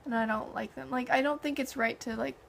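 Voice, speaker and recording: A woman's voice: high voice, fairly quick, vocal fry, a little hiss or hum. A young woman in casual chat, telling stories in a conversational way and acting out quoted dialogue. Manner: animated anecdotes with heavy filler "like" and quoted dialogue.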